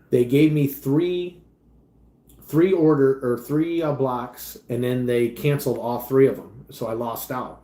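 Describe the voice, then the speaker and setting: Casual male streamer, rambling and conversational, recorded in a roomy, echoing space. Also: medium pitch. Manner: rambling, chatty, trails off quietly. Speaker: livestream host and delivery driver. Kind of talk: casual livestream chat reading comments. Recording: echoey room.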